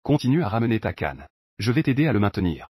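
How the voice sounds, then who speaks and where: Man putting on a jittery old fisherman, superstitious, trembling, low and slow, husky, story recap. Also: sing-song, dry recording, dull audio. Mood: urgent.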